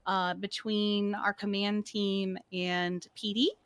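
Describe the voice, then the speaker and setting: A woman in a roleplay stream chat, talking through requests in character with frequent ums and pauses. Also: medium pitch, little pitch movement, a bit bright. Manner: rambling, many ums. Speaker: roleplay EMS command player.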